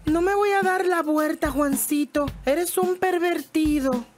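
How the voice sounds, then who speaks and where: A woman voicing a naive young woman who exclaims in a high, girlish voice, in a told joke. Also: measured pace. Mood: indignant. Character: young woman in love, naive then indignant.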